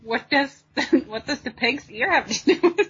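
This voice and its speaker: Woman chatting on a podcast, raspy, a bit high. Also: moderate pace, a bit bright. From Sweden. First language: Swedish. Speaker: podcast co-host. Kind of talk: casual podcast chat. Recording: dull lo-fi audio.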